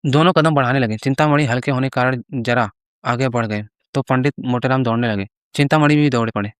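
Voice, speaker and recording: Man reading a classic story aloud, clear resonant voice, dry close mic. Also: medium pitch, no room sound. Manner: measured storytelling. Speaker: narrator.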